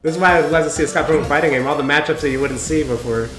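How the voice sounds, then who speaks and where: A man's voice: a little high, rapid-fire, crowd noise. A man giving casual, slangy running commentary as the host of a reaction video. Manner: informal, slangy exclamations. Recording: roomy echo, show music behind. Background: music from the show being watched.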